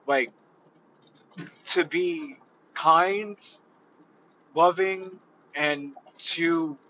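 Hesitant man vlogger, slow and bright-toned, lo-fi recording. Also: fairly high pitch, a little hiss or hum. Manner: hesitant, halting, heavy on fillers. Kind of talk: casual reflective monologue.

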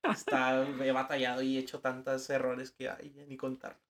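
A young man with a northern Mexican accent, a guest in a casual podcast chat, telling animated stories full of slang and acted-out quotes. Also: medium pitch, normal speed, slight background noise. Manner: animated storyteller, slangy, acts out quoted voices. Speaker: guest, advertising designer.

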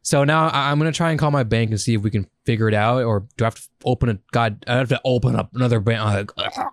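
A man's voice: medium pitch, racing, no echo, studio quality. A young man co-hosting a podcast, telling casual stories with lots of swearing and acted-out reactions. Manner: animated storytelling, swears a lot, acts out his own reactions. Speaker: podcast co-host. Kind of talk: casual chat.

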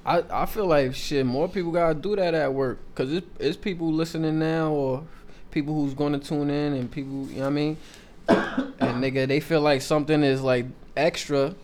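A man's voice: a little high, steady tone, normal speed, a little mellow, a little hiss or hum. A man co-hosting a podcast, talking in a laid-back way with lots of slang. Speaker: podcast co-host. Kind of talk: casual podcast chat.

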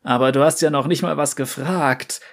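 A man's voice: a little high, steady tone, normal speed, creaky. A man doing a panicky cornered male informant. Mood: pleading. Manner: panicky, pleading. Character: frightened male criminal informant, pleading and cornered. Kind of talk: dramatic story reading.

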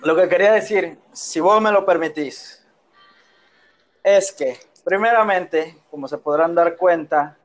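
A man's voice: on the high side, unhurried, faint music behind. A man from Yucatán in Mexico with a Yucatecan accent, co-hosting a casual podcast in a playful, rambling way, recorded on a phone in his room. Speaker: podcast co-host. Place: his own room at home.

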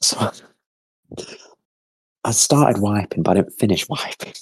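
Low husky young man. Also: animated, measured pace, no room sound. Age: young adult. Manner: rambling storyteller with lots of fillers and swearing. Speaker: podcast co-host. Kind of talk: casual chat and anecdote.

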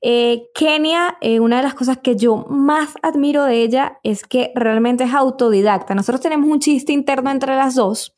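A woman's voice: high voice, normal speed, hardly any pauses, a little mellow. A woman hosting a podcast, chatting enthusiastically with many asides as she introduces her guest. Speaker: podcast host. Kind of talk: casual podcast conversation.

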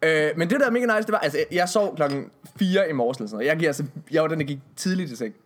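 A young man hosting a casual podcast chat, excitable and crude, laughing often and repeating a filler phrase. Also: a little high. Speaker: podcast host. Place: school building at a gaming party.

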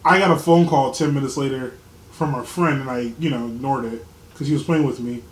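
A young man co-hosts a relaxed podcast conversation, laughing a lot and doing the voices of people in his stories. His pitch is medium and his pace slightly quick. The room is echoey, with faint ambient sound.

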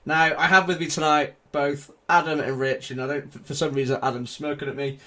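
Guy hosting a casual radio show, voice a bit on the high side. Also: level tone, fairly quick, fairly bright tone.

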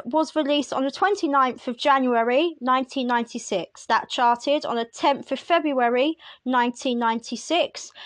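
A woman's voice: high voice, dry recording. A woman hosting a music podcast, reading release lists in a chatty way with wry asides to the listener. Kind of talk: casual solo commentary.

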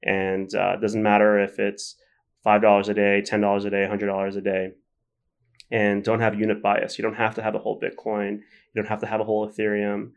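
A man on a podcast giving steady advice with many fillers. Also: on the low side, brisk. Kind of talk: casual advice talk.

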